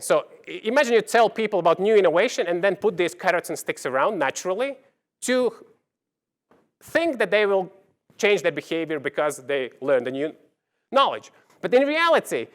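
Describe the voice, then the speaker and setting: A man with a fairly high voice gives a conference keynote in front of an audience. He talks as a researcher explaining his slides, sometimes halting and repeating phrases, then stressing the key words.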